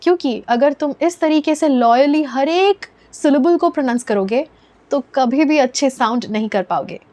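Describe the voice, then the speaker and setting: High-voiced Indian woman teaching pronunciation. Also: a little mellow. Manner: explanatory, slows down to model words. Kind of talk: scripted lesson to camera.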